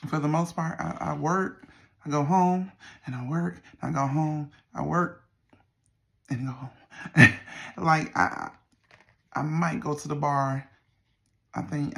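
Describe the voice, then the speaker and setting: Creaky Southern US voice, casual and rambling. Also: medium pitch. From Southern United States. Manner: informal, folksy, meandering. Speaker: vlogger. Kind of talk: casual rambling check-in to viewers.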